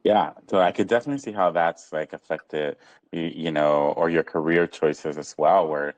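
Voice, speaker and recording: A man's voice: a bass voice, fairly even intonation, normal speed, no room sound, rough recording. A man hosting a podcast, chatting loosely with lots of fillers and easy laughs. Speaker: podcast host. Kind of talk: casual interview chat.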